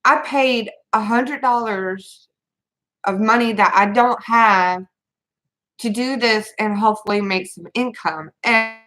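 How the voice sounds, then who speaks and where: A mother of three venting to her camera, halting and rambling with many restarts as she holds back tears. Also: on the high side, fairly bright tone, poor audio. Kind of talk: tearful personal venting to camera.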